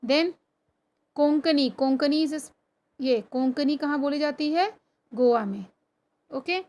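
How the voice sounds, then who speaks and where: A woman teaching an online class, reading lines from a textbook slowly and then explaining them in Hindi, with questions to her students and frequent "theek hai" check-ins. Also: high-pitched, a little mellow. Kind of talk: recorded online lesson explaining a textbook chapter. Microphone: computer or phone screen recording.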